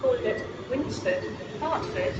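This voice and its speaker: Station PA announcement, woman, higher voice, echoing platform, loud noise around. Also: expressive, unhurried. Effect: automated station loudspeaker announcement. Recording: echoey muffled PA over loud platform noise.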